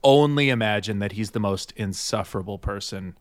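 A man's voice: lowish voice, brisk, dry recording, clean studio sound. A man co-hosting a podcast, talking bluntly and enthusiastically, with casual swearing. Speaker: podcast co-host.

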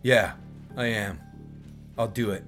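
A lonely, bitter would-be action hero played by a man in a comedy sketch. His voice is fairly low, blunt and defensive, over faint music. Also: takes it slowly, fairly bright tone. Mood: grim. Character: bitter, lonely, self-absorbed male action-hero wannabe.

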